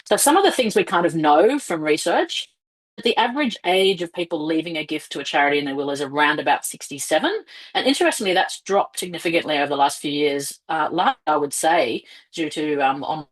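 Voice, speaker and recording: Low-voiced woman on a choppy, breaking-up video call. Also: expressive, brisk, poor audio. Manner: explanatory, with frequent fillers. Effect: choppy, breaking-up internet call audio. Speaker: fundraising presenter. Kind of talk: online webinar presentation. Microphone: headset on a video call.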